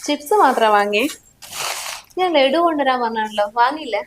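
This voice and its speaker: Higher-voiced, complaining wife in a drama. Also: female voice, brisk, slight background noise. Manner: complaining, hurt. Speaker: wife in a short film. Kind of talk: scripted drama dialogue.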